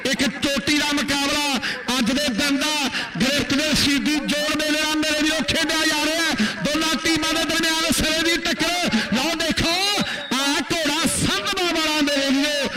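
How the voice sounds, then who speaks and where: A man with a Punjabi accent doing live commentary and public announcements at a kabaddi match. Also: extremely high pitch. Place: outdoor kabaddi tournament ground. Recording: echoing outdoor PA system.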